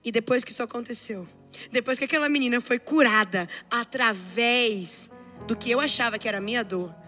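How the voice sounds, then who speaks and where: A woman's voice: fairly high pitch, a little fast, pushed and bright, faint music behind. A Brazilian woman with a Brazilian accent, preaching a sermon with impassioned storytelling that builds to fervent exhortation. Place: church service.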